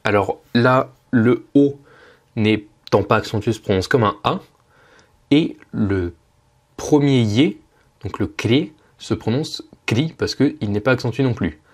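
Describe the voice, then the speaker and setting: A man giving a casual spoken Russian lesson at home, patiently slowing down to model each word. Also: medium pitch. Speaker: Russian language teacher.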